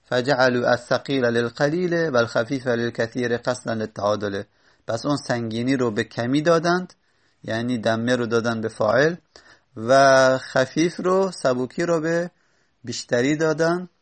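A man teaching a grammar lesson, explaining step by step and stopping to correct himself. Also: mid-range voice. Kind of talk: spoken classroom lesson.

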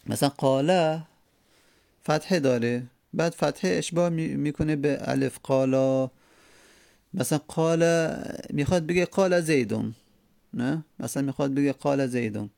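Male grammar teacher, gravelly voice, dry close sound, patient step-by-step explanation with hesitations. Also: on the high side, mellow, dry recording. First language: Persian. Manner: explains step by step, repeating forms, many hesitations. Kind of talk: Arabic grammar lesson.

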